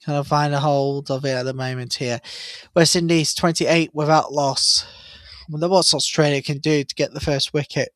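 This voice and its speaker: A man hosting a live cricket watchalong, chatty and excitable, jumping up in pitch at big moments. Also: moderate pace, dry recording. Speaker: watchalong host.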